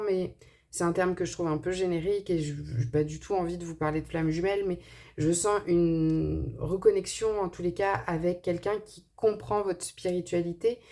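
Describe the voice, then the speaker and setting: A woman with a lowish, darkish voice and a slight lisp on her s sounds gives an informal reading as a tarot and angel card reader, thinking aloud hesitantly.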